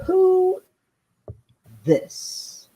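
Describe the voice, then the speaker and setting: A woman playing an imperious, short-tempered queen in a storybook read, loud and commanding. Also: extremely high pitch, huge pitch swings, drawn-out words, full character voice. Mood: imperious, angry.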